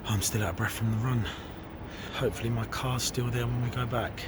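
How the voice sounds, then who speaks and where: A young man, vlogging casually in a hurried, chatty way outside, sometimes half-whispering. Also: medium pitch, fairly even intonation. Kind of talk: casual vlog to camera. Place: outdoors by busy city streets. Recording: loud traffic and street noise.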